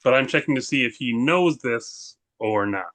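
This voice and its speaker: A man's voice: medium pitch, expressive, moderate pace, a bit bright. A man playing a tabletop role-playing game who explains his moves in a matter-of-fact way. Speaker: player.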